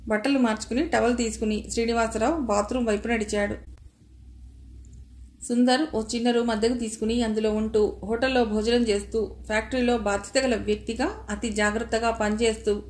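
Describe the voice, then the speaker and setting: A woman's voice: on the high side, steady tone, a little fast. A woman narrating a novel as an audiobook reader, voicing the characters' dialogue in her own voice without much acting.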